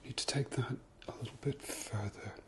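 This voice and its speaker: A British man doing an ASMR whispered role-play, soft-spoken and slipping into whispers, giving insistent, repeated instructions and reassurance. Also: medium pitch, normal speed.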